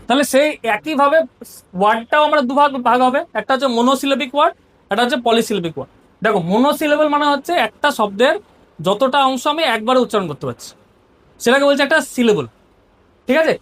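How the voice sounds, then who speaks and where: Speaking fast in a high, somewhat bright voice with lively intonation, this Bengali-accented woman teacher walks through grammar step by step. She frequently asks "ঠিক আছে?" to make sure her students are keeping up.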